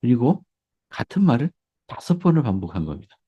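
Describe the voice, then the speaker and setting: A man giving a casual spoken lesson on church history. His sibilants slur slightly because of braces, he fills pauses with short yeses, and he chuckles often. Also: mid-range voice, very animated, husky, highs cut off.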